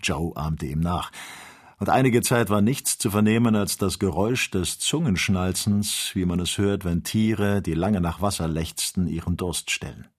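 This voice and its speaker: A man reading an adventure novel aloud as audiobook narrator, in measured storytelling. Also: deep voice. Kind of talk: scripted narration.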